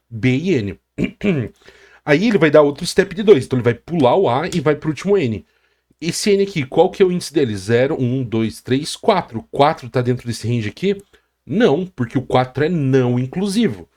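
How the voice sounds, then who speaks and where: Homem explicando código passo a passo. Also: male voice, mid-range voice, darkish tone. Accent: Brazilian Portuguese. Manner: explains step by step, checks in with "beleza?" and "né?". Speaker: programming teacher. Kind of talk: screen-recorded coding lesson.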